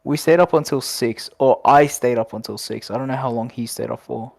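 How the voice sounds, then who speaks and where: This is a young man with an Australian accent chatting late at night on a podcast, loose and rambling and quick to laugh. His voice sits at an ordinary middle pitch, and the close mic sounds dry with no room around it. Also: vocal fry, darkish tone, no room sound. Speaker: podcast co-host. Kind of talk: casual late-night chat.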